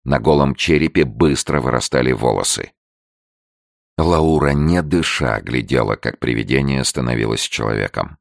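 A man narrating an audiobook in a steady, measured reading. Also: a bass voice, creaky, dry recording, studio quality.

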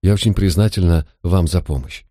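A man reading the lines of a proud, flustered woman in an audiobook, with short quick replies. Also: low-pitched, warm tone, no room sound, studio quality.

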